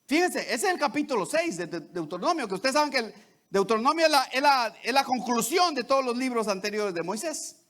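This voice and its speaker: A man with a very high-pitched voice preaching a sermon. He speaks in a conversational way, with frequent restarts, and keeps checking in with the congregation through short tag questions. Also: lively intonation, fairly quick, fairly bright tone. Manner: repeats "¿verdad?" and "¿sí?" to the congregation, with many restarts.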